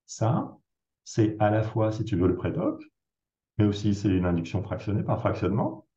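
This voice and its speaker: A man, a psychiatrist being interviewed, explains a clinical technique through worked examples in a relaxed, conversational way with frequent hesitations. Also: lowish voice, normal speed. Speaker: psychiatrist guest. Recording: roomy, dull lo-fi sound.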